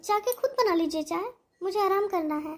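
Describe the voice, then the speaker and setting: A woman's voice: very high-pitched, brisk, voice pushed up. A woman voicing a rude, lazy young daughter-in-law in a cartoon story, snapping dismissively. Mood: snappy.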